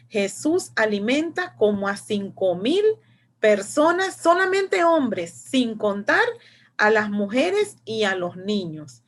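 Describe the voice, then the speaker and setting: A woman with a Panamanian Spanish accent teaching a Bible class to women, retelling scripture with lively emphasis and some hesitations. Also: fairly high pitch.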